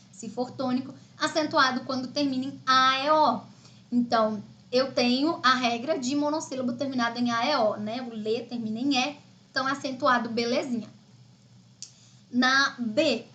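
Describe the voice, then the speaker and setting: A woman's voice: sits high, sharp tone. A Brazilian woman teaching Portuguese in a live online exam-prep class, explaining step by step in a chatty way.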